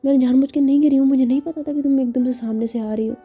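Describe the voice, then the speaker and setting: A woman voicing a flustered young woman in love, who stammers and rushes her words. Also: a little high, flat delivery, mellow, breathy edge, lo-fi sound, faint music behind. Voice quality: stammering, rushed when nervous.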